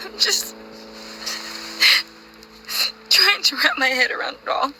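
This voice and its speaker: A woman playing a grieving, hurt and suspicious young daughter in a video game, breathy and creaky, with a raw, probing delivery. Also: sits high, animated, brisk, sharp tone, faint music behind, full character voice, rough recording. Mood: distraught. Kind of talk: video game dramatic acting.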